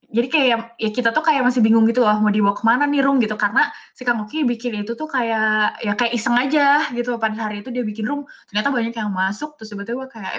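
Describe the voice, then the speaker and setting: A woman's voice: a little high, a bit bright, dull audio. An Indonesian woman, a podcast guest, telling her story in a casual, rambling way, full of filler words. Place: living in Germany.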